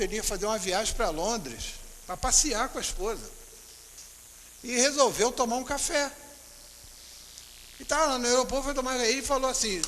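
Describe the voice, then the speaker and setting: A man with a Brazilian accent giving a religious talk at a spiritist center, retelling anecdotes and slowing down to stress each teaching. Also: high-pitched, a bit bright. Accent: Brazilian Portuguese. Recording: hall reverb with faint hiss.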